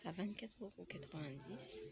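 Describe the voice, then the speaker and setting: A soft-spoken woman with a slight cold, walking through a store and listing decor items and prices for her vlog, often dropping almost to a whisper. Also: lowish voice, huge pitch swings, moderate pace, vocal fry, heavy background noise. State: has a cold. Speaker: home decor vlogger. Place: inside a large home goods store.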